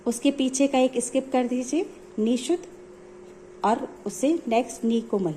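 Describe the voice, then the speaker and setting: A woman's voice: high voice, a little slow, mellow, slight background noise. A woman music teacher explaining notes step by step in a patient, repetitive way. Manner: patient, explanatory, repeats points.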